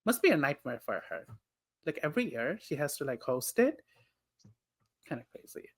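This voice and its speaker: A man who grew up in Nepal banters as a guest on a podcast, his fairly high voice sing-song with a breathy edge at normal speed. The chat is casual and teasing, full of giggles and bursts of laughter.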